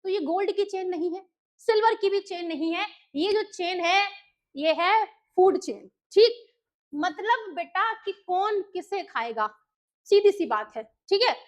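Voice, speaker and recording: A woman teaching a revision lesson in a chatty, lively way, speaking Indian English and asking and answering her own questions. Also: extremely high pitch, takes it slowly.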